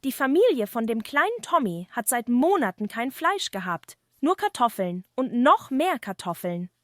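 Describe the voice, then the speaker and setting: Lady playing humble young village lad in a fireside story, polite, sincere, lively up and down voice. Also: fairly high pitch, normal speed, no room sound, clean studio sound. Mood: worried. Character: poor, kind-hearted, modest young village man.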